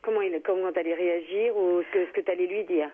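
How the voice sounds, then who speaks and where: A woman's voice: lowish voice, steady tone, fast, husky. A woman hosting a phone-in, answering the call and prompting the caller with short encouraging replies. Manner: brief encouraging backchannels. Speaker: host. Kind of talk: phone-in conversation. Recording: tinny phone line.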